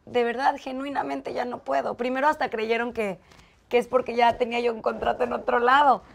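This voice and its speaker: A woman with a Mexican accent speaks briskly in a high-leaning, gravelly voice as an interview guest. Telling a personal story conversationally, she gets animated and acts out the quoted dialogue.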